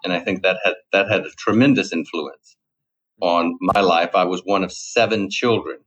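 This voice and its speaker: A deep, slightly rough voice with a fairly bright tone belongs to a middle-aged Cajun man from Louisiana, USA. He talks at normal speed with fairly even intonation, rambling and repeating words as a guest in casual interview talk. The audio is dull and lo-fi.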